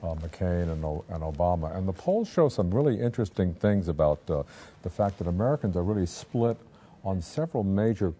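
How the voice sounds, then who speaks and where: Low, mellow-voiced man talking politics. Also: lively intonation, breathy edge. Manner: halting, many uh fillers and restarts. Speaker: newspaper political reporter co-hosting. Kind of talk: casual newsroom political chat. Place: newsroom.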